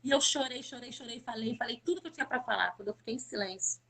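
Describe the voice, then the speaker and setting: A Brazilian woman appears as a live-stream guest to give a personal faith testimony. Her high voice sits bright, with a creaky quality and a quick pace, and she speaks fervently, repeating words to drive her points home.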